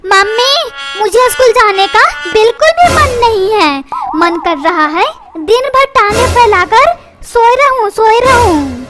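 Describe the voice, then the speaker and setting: A stubborn, lazy cartoon schoolboy whines and talks back in a very high voice. The cheeky backtalk sits over loud background music. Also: female voice, expressive, slow pace, heavily acted. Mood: whiny. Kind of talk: cartoon dubbing.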